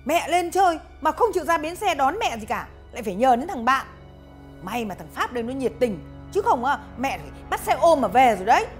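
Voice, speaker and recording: A woman's voice: sits high, very animated, fairly quick, faint music behind. Woman doing a scheming country mother-in-law. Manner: chatty, coaxing, then scolding. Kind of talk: dubbed drama voice acting.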